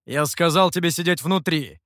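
A man as a stern, menacing dark master. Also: a little high, moderate pace, no echo, clean studio sound, natural voice. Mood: irritated. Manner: stern, threatening.

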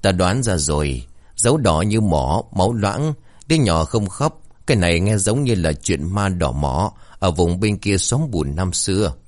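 A grave old ritual master, as a male storyteller voices him, deep and ominous as he explains a ghost. The voice is very low but moves a lot in pitch. The sound is dry and close. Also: lively intonation, measured pace, darkish tone, no room sound.

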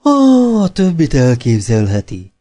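A coquettish young actress from a storybook, lingering over every word in a mellow, darkish voice, as a man reads her part. She is playful and teasing, and she draws out her phrases slowly. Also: medium pitch, animated, close to an everyday voice.

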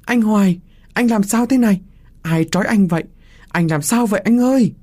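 Man playing a terrified young woman, panicked, tearful, very high pitched. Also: normal speed, darkish tone.

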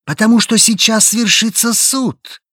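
A man reading an audiobook voices a cult leader, preaching in a hoarse, solemn, booming voice. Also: unhurried, no echo, studio quality. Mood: roaring. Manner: solemn, booming sermon delivery. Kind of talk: audiobook character voice.

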